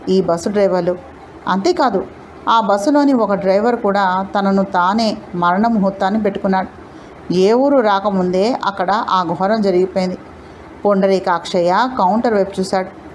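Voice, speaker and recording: A woman narrating an audio novel in an expressive, dramatic storytelling manner. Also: mid-range voice, slight background noise, poor audio.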